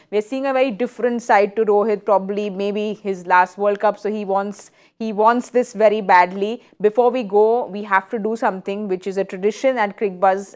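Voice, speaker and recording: A woman hosting a live cricket show, chatty and brisk as she steers the panel between segments. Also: mid-range voice, a little mellow. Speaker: show host.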